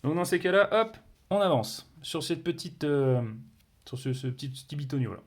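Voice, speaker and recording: A man's voice: on the high side, lively intonation, normal speed. A man reviewing a board game, explaining its rules casually with many fillers, restarts and playful sound words. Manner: hesitant, many fillers and self-corrections.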